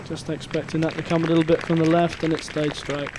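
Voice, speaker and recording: A man gives live golf commentary as an analyst, in a fairly high voice with little rise and fall. His phrasing is conversational, and outdoor noise is clearly heard behind him. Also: flat delivery, quick pace.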